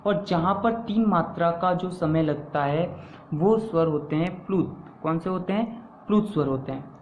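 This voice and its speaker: A man's voice: a little high, normal speed, a little hiss or hum. A man teaching a grammar lesson, asking his listeners questions, answering them himself, and repeating the key terms. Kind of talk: classroom-style grammar lesson. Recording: echoey room over a tinny phone-like line.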